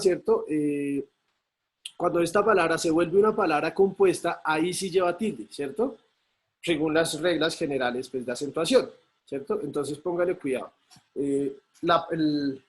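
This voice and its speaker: A male teacher, patiently explaining a lesson over a video call and often checking in with his students. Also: fairly high pitch. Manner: patient, checks in with frequent tag questions. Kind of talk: online class explanation.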